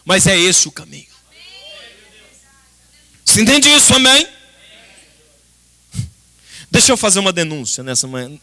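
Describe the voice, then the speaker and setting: A Brazilian pastor's high, pushed, bright voice carries a very animated church sermon, delivered a little slowly with frequent pauses. He preaches with dramatic emphasis, repeating lines rhetorically and speaking straight to the congregation.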